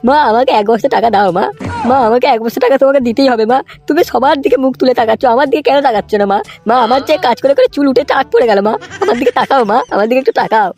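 A woman's voice: sits high, expressive, rapid-fire, darkish tone, faint music behind. A woman voicing a cranky old grandfather in a cartoon who pleads with a goddess and snaps coarse insults at his grandson. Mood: pleading. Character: cranky old grandfather, grumbling and foul-mouthed. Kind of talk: cartoon voice acting.

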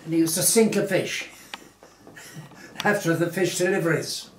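Man in his nineties, rambly storyteller, pauses and ums, echoey living room. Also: fairly high pitch, a little hiss or hum. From Galway, Ireland. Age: 90s. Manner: rambling, with many pauses and fillers. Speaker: oral history interviewee. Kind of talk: unhurried storytelling reminiscence. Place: small living room indoors, seated in armchair. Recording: roomy living-room echo.

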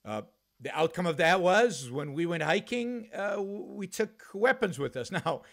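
This is a high-pitched male voice with lively intonation and a normal pace. He's an Israeli man in his fifties doing a solo talk-radio show from his home office, talking earnestly with frequent restarts and fillers into a pop-filtered studio mic while wearing headphones.

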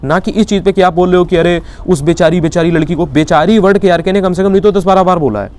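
A man's voice: high-pitched, quick pace, a little mellow, smooth. A man with an Indian accent giving an indignant opinion commentary, arguing with rhetorical questions. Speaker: YouTube commentator.

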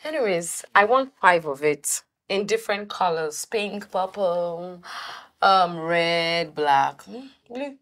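A woman's voice: lowish voice, animated, slow pace, a bit bright, no echo. A Nigerian woman playing a flashy, boastful young woman who teases and gossips, mixing Pidgin into her English. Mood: teasing. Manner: teasing, boastful, mixes in Pidgin. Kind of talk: Nollywood film acting.

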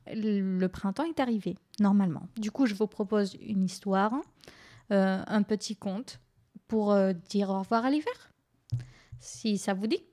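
A woman hosting a radio show, chatting and then reading a children's tale aloud in a gentle, soft-spoken way with small hesitations. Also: mid-range voice. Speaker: radio host. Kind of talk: reading a children's story on air. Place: radio studio.

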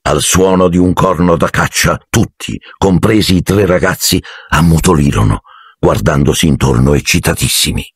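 A male audiobook narrator with a deep, gravelly, slightly husky voice reads with lively, animated expression. The sound is close to the mic and completely dry. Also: moderate pace, dry recording. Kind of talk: audiobook reading.

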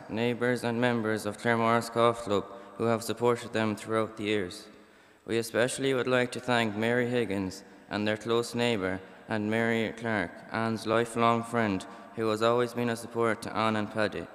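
A man's voice: mid-range voice, little pitch movement, normal speed, few pauses, fairly bright tone. Man reading prayers, church echo. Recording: long church reverb.

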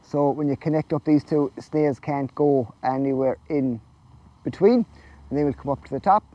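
A man in his forties with an Irish accent casually explains farm jobs outdoors under netting while presenting his snail farm vlog. His voice is fairly high at a moderate pace, and the audio is dull.

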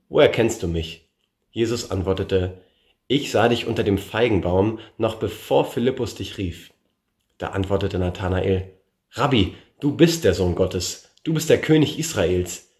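Deep-voiced man reading scripture, echoey room. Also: darkish tone. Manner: measured reading, gives the quoted speakers a lift. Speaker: scripture reader. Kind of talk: bible reading.

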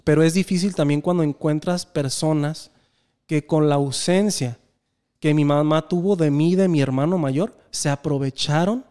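Earnest Mexican man, mellow smooth voice. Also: a little high, normal speed. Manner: earnest, reflective storytelling. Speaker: podcast guest. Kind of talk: casual conversation.

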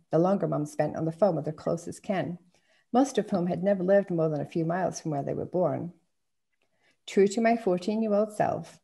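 A woman author reading a first-person story aloud in a measured, descriptive way. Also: deep voice, creaky, dark tone. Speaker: author reading her work.

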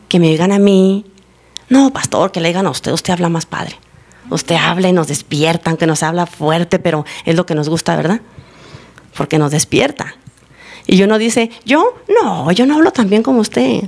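Woman, church testimony sermon; low, gravelly tone; animated storyteller who acts out dialogue. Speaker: church member giving a teaching. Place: church service, recorded live.

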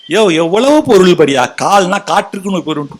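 High-voiced man declaiming verses. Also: expressive. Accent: Tamil. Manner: declaims verses slowly, then explains in quick colloquial asides. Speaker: orator. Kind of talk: Tamil literary oration.

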